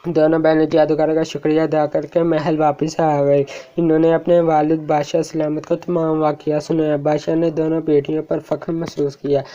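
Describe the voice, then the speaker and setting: A man narrating a fairy tale in an even, scripted storytelling delivery. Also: a little high. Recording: dull lo-fi recording.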